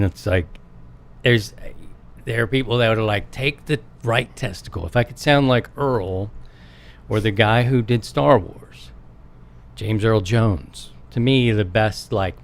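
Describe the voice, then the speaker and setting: A man hosting a show, chatting casually and informally. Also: lowish voice. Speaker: show host. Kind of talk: casual chat.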